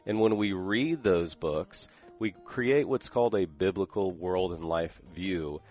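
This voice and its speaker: A man speaking in a recorded radio segment, teaching in a measured, emphatic way. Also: low-pitched, darkish tone, soft background music. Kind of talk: teaching talk.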